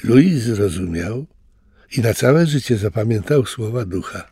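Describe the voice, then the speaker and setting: A man reading a children's story aloud, calm and animated, doing voices for the characters. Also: lowish voice, a little slow, slightly rough, dry recording, studio quality.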